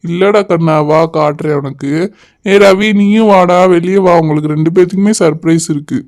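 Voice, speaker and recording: A man playing a gentle coaxing father. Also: fairly high pitch, moderate pace, lightly acted. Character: kind father coaxing his daughter. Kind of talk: storybook doll-play acting.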